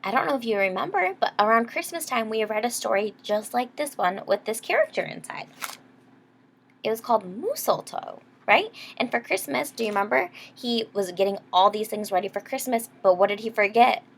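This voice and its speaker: A fairly high, gravelly yet fairly bright voice carries this animated, fairly quick read-aloud. A teacher reads a picture book to young children, explaining simply and asking questions, with slight background noise present.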